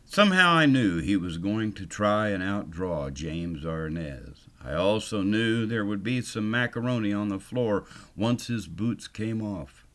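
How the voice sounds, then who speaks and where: An older man telling a first-person story in a dry, unhurried yarn-spinning way. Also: low voice, a bit bright.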